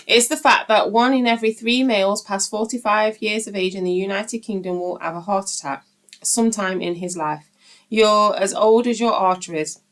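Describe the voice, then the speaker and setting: A woman with a slightly low voice reads a book aloud to her channel's viewers. She keeps a steady reading pace. She breaks off now and then for chatty, informal asides before going back to the text.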